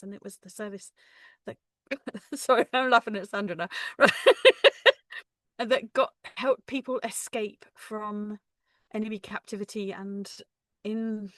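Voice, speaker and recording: A woman reading her own poems at an online book launch, with a measured rhythmic delivery and chatty introductions between poems. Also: mid-range voice, dry recording. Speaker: poet. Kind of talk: poetry reading with spoken introductions. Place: home, online video call. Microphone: video call.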